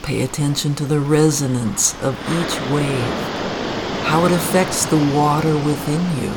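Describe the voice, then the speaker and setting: A calm meditation guide speaks very slowly at an ordinary middle pitch, drawing out each phrase and leaving long pauses between lines. A steady wash of ambient background sound is clearly audible behind the voice.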